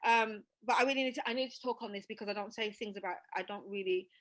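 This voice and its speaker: A British woman hosting a casual discussion, animated and laughing often as she acts out other people's reactions. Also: mid-range voice, quick pace, a crowd in the background. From Britain. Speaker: podcast host.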